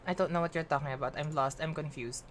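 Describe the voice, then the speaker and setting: Her voice is low and steady, and she's a fast talker, bantering in English and Filipino during a gaming livestream and playfully ribbing herself. She has a Filipino accent, and there's slight background noise.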